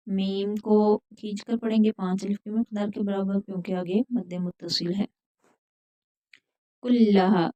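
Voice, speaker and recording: A woman teaching Quran recitation, slowly explaining how each letter is sounded. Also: medium pitch, warm tone, no room sound, highs cut off. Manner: slow drawn-out chanting recitation. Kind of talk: slow, careful recitation lesson.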